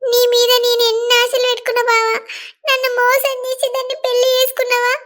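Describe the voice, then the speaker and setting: Woman doing a jealous telangana village girl, slow menacing threats, high bright cartoon voice. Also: fairly even intonation. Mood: sulking. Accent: Telangana Telugu. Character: jealous young village woman, bullying rival. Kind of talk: cartoon voice acting.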